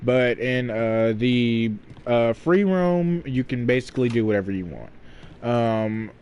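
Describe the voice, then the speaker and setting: A man's voice: medium pitch, animated, unhurried, a little mellow, smooth. Congested man rambling over gameplay. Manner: rambling, many fillers. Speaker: gamer. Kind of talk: casual gameplay commentary.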